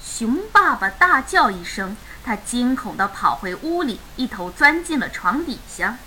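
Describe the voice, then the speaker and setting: A woman reading a children's picture book aloud in an expressive, animated storytelling way. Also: on the high side, measured pace, slight background noise, poor audio.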